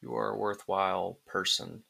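A man narrating a guided relaxation script like a sleep story, in calm, soothing, deliberate phrases with pauses. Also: low voice, gravelly, breathy edge.

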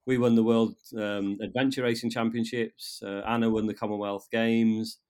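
In a casual interview, a man in his fifties from North Wales talks haltingly in his North Welsh accent, repeating words and beginning sentences again. He has a fairly low, smooth voice with a level tone and a slightly mellow quality.

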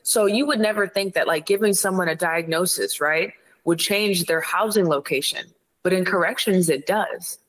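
A woman from Ohio, a psychiatrist guest, talking in a direct, blunt and animated way in a casual interview. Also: on the low side, normal speed, rough recording. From Ohio, USA.

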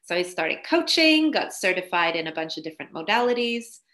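Bright-voiced chatty woman guest. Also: on the low side, big pitch swings, a little fast. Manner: chatty, laughs often, many "like" fillers. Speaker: podcast guest, spiritual coach. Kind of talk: casual storytelling interview.

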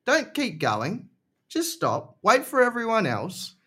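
A male podcast guest with a slightly high voice. He talks casually and explains things in an informal way, often repeating short phrases to press a point. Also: huge pitch swings, takes it slowly, sharp tone, slightly rough. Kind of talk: casual chat.

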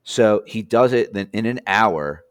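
A man telling a long, profane story on a podcast, with an animated, cursing manner. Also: lowish voice, measured pace, no room sound, clean studio sound.

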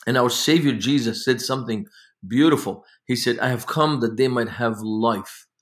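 Middle-aged man from Lebanon, earnest podcast guest, average pitch, tells stories with a laugh. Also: normal speed. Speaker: podcast guest, ministry founder. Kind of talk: storytelling interview answers.

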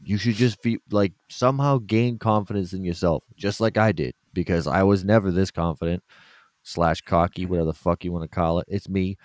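Man, low voice, dry close sound, casual podcast banter, swears a lot, laughs often. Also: steady tone, a little fast, darkish tone, no room sound. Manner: profane, laughing, boastful. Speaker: podcast co-host. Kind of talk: casual chat.

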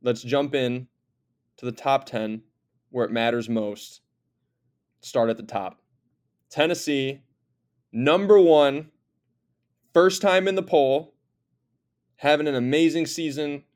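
A man's voice: medium pitch, slow, long pauses, a little mellow. A man hosting a sports podcast in casual talk, chatty and hesitant with frequent fillers. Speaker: podcast host.

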